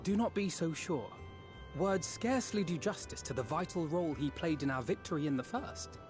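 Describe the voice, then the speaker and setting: A man's voice: a little high, expressive, normal speed, music in the background, natural voice. An actor playing an earnest, articulate young male leader with formal speech in a fantasy game. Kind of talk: scripted fantasy game acting.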